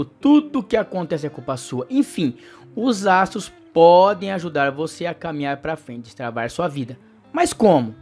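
A man with a Brazilian Portuguese accent hosting an astrology channel. He reads the daily horoscope and pitches his services, speaking to the listener directly in an affectionate, upbeat way. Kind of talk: horoscope reading and sales pitch.

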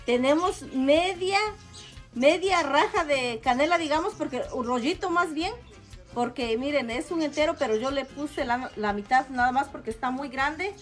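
A middle-aged woman with a high-pitched voice talks viewers through her cooking step by step. She is casual and homely, speaking in an outdoor kitchen with music behind her. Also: moderate pace. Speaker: host of a home cooking video. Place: outdoor covered backyard kitchen.

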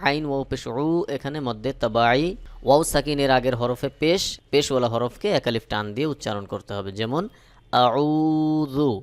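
A man from Bangladesh teaching Quran reading, spelling out letters and reciting verses in slow, drawn-out melodic chant between plain explanations. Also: mid-range voice, clean tone.

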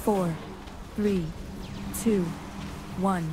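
A woman's voice: mid-range voice, steady tone, very slow. A woman playing a countdown announcer for game alerts in clipped single words. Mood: measured. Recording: noisy game audio behind.

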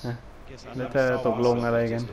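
A man's voice: moderate pace, a crowd in the background. A man hosting a game playthrough, chatting crudely and laughing while he dubs the characters' lines. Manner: casual, crude, laughing while translating dialogue. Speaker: gaming channel host. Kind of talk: let's play commentary with live dubbing.

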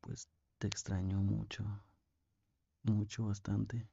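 A young man with a Mexican accent playing a tender, lovesick boyfriend on a call in an ASMR role-play, speaking intimately with pauses. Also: lowish voice, flat delivery, creaky, dark tone, muffled recording, exaggerated voice. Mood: longing. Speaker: ASMR performer.

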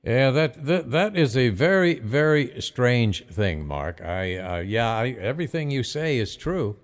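Radio host guy taking calls, mid voice that moves up and down a lot, halting and thoughtful. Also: mid-range voice, big pitch swings. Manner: halting, sympathetic, reflective. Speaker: radio talk show host. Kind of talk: live phone-in conversation.

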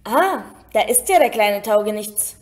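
A woman's voice: on the high side, animated, measured pace. A woman voicing a vain, pompous, chattering male teacher in a storybook reading. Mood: smug. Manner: pompous, self-satisfied.

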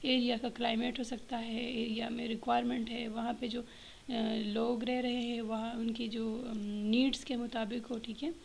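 Woman lecturing with a gravelly, high voice. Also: level tone, slight background noise, low-quality recording. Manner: explains in Hindi-Urdu mixed with English terms, many fillers; reads slide lines slowly, then explains. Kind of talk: slide lecture. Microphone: voice-over on slides.

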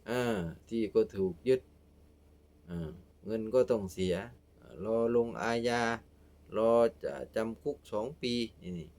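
A man's voice: fairly low pitch, slow, a little mellow. A man delivering a casual, heated, scolding monologue to his fans. He is crude and keeps adding repeated filler tags. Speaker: online commentator addressing his fans.

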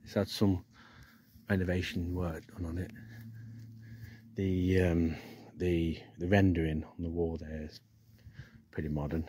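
A man's voice: deep voice, flat delivery, a little slow, warm tone, a little hiss or hum. An English man investigating a haunted church, calling out to spirits and remarking on the building, filmed on a handheld phone. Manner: calls out firmly to spirits, then muses plainly. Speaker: paranormal investigator. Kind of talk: ghost-hunting commentary. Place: outdoors in a churchyard and inside a church porch. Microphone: handheld phone camera.

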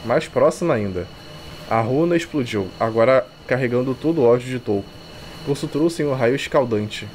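Game music plays in the background as this Brazilian streamer reads a visual novel out loud and adds cheeky, slang-filled remarks. He has a mid-range, somewhat dark voice, speaks animatedly at a moderate pace, and there's slight background noise.

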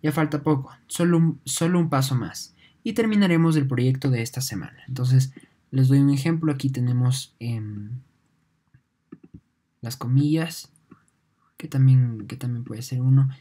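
A teacher with a mellow, dark tone walks students through a lesson at an unhurried pace. The delivery is patient and halting, with repeated words and a questioning "no?" to check understanding. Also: medium pitch. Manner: patient, often ends points with a questioning "no?". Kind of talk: online lesson explaining on screen.

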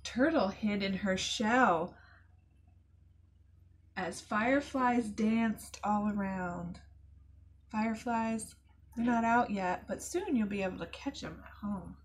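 Slow, expressive woman reading to kids, storytime with friendly asides. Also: medium pitch, a little hiss or hum. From United States. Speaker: zoo educator. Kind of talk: children's storytime read-aloud.

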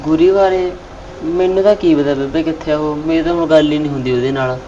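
An actor playing an evasive young village friend. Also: male voice, on the high side, fairly even intonation, fast, warm tone, lo-fi sound, a little hiss or hum, close to an everyday voice. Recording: far from the mic.

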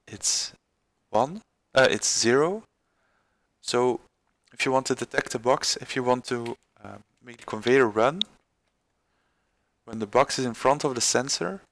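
Man, gravelly tutorial presenter, halting delivery with fillers, mid pitch. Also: a bit bright, dry recording. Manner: halting, many fillers and restarts. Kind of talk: screen-recorded software tutorial.

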